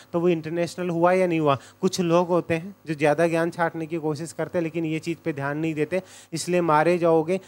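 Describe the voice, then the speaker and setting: A man giving a casual exam coaching lecture, direct and repetitive, often checking "okay?". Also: fairly high pitch. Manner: direct, repeats points, says "thik hai" often.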